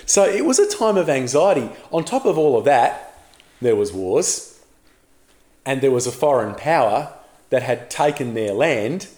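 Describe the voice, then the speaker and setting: A man preaching a sermon as a pastor, telling the story in a lively way and putting questions to the congregation. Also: mid-range voice, a little slow, echoey room.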